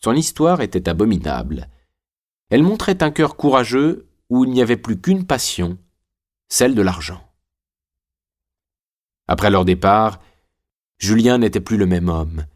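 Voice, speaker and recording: Low-voiced man reading a novel. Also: expressive, a little slow, long pauses, darkish tone. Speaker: audiobook narrator. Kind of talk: scripted narration of a classic novel.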